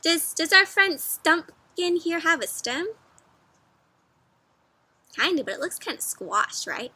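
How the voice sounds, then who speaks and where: Her pitch is extremely high, and she takes her time as she reads an interactive story to young kids, sounding lively and instructive and often asking them questions.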